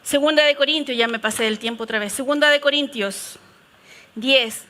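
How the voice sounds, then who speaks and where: A middle-aged woman pastor, preaching a lively storytelling sermon that moves between strong declarations and soft prayerful passages. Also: high-pitched, moderate pace.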